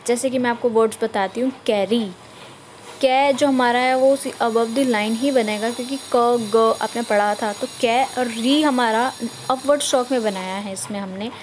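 A fairly high-voiced woman talks viewers through a shorthand lesson over her screen, one step at a time. She checks in often to make sure they are following. A steady hiss runs under the recording. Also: moderate pace, rough recording. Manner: patient step-by-step explaining with frequent check-ins. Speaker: shorthand teacher. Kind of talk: screen-recorded tutorial explanation.

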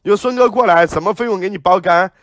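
A man's voice: high-pitched, fast talker, fairly bright tone, no room sound, studio quality. A man with a Sichuan accent livestreaming, reading viewer comments and ranting with heavy swearing. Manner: profane, ranting; reads viewer comments aloud. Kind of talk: livestream chat.

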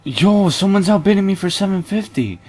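A man's voice: sits high, animated, brisk, darkish tone. A man chatting casually with a friend while gaming, laughing at him and scolding him in exasperation. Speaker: gamer.

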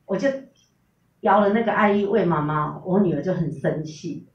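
A woman's voice: on the low side, moderate pace, slight background noise. A middle-aged woman, earnestly telling a personal story and quoting the dialogue. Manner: earnest, recounting with quoted dialogue. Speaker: testimonial speaker. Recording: roomy, distant, dull recording.

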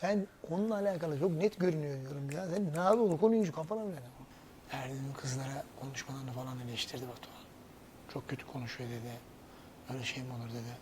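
A man's voice: medium pitch, very fast, background noise. A man chatting casually, recounting and retelling what others said. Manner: animated, recounting conversations. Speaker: reality show contestant. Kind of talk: casual gossip chat.

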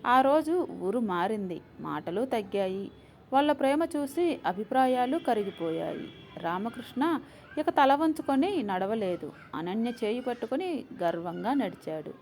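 A woman narrating a short family story in a calm, measured storytelling voice. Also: a little high, slight background noise.

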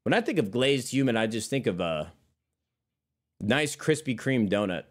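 A man in his thirties streaming and chatting off the cuff to his viewers. He wanders between topics in a loose, rambling way, with plenty of swearing. His voice sits at an everyday middle pitch. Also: lively intonation, normal speed. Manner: rambling, profane, calls listeners brother. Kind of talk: casual chat.

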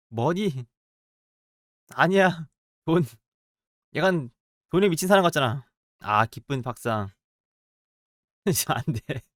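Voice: mid-range voice, no echo, clean studio sound. A game streamer chatting casually, muttering to themselves and reacting playfully while drawing in a party game. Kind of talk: casual let's-play commentary while drawing.

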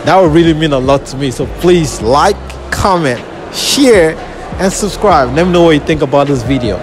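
A man's voice: on the high side, animated, normal speed, noisy background. Young man quizzing shoppers in a mall. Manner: teasing, probing questions. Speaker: street interviewer. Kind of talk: casual street interview. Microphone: handheld mic.

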